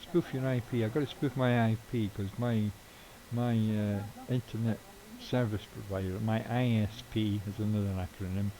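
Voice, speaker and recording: A man's voice: fairly low pitch, fairly even intonation, moderate pace, hardly any pauses, mellow, rough recording. A middle-aged man streaming a game, chatting casually in a rambling way with offhand swearing. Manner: rambling, swears casually, chuckles at own jokes. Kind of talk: casual live-stream chat while gaming.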